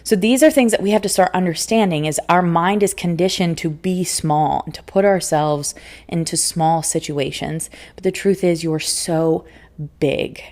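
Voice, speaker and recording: On her solo spiritual self-help podcast, this life coach speaks with earnest emphasis, laughing often and repeating phrases to drive her points home. Her voice runs low and a little mellow.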